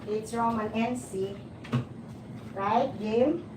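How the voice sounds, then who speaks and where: She's a Filipino-accented livestream host in her forties from the Philippines, her voice a little high over background noise. Chatting with viewers, she teases and laughs a lot, halting and restarting as she goes. A distant mic in a roomy space captures plenty of ambience.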